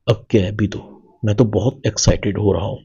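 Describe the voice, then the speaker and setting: A man reading the lines of a happy, devoted young husband with eager, playful delivery and a husky voice. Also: fairly low pitch, fairly even intonation, warm tone, highs cut off, exaggerated voice.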